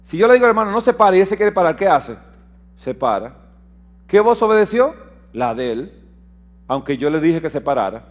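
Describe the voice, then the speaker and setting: High-voiced male preacher. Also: sing-song, normal speed, long pauses. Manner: questions the congregation and reads scripture aloud; swings between loud declaiming and soft low asides. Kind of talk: sermon.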